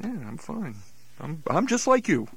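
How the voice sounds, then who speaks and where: A man's voice: high voice, big pitch swings, a little slow, vocal fry, husky, no echo. A man playing the incredulous, exasperated straight man in a scripted radio comedy dialogue.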